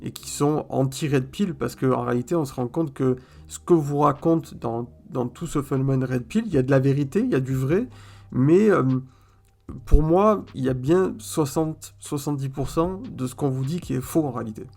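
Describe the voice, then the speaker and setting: A man vlogging a casual opinion monologue straight to his viewers, colloquial, stumbling over repeated words and filling pauses with "euh", checking in with "ok?". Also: mid-range voice, gravelly, darkish tone. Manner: addresses viewers directly, "si vous voulez", "ok?".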